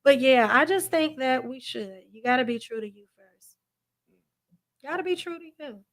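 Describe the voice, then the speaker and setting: A woman's voice: high voice, lively intonation, moderate pace, fairly bright tone. A woman in her forties co-hosting a livestream from her home, chatting casually, laughing often and repeating phrases for emphasis. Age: 40s. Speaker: livestream co-host. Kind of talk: casual chat.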